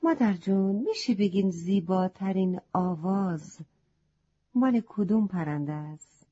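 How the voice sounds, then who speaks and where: A woman's voice: mid-range voice, animated, mellow, lightly acted. A woman voicing a curious, polite little boy in a children's story, asking wondering questions, on a slightly muffled recording.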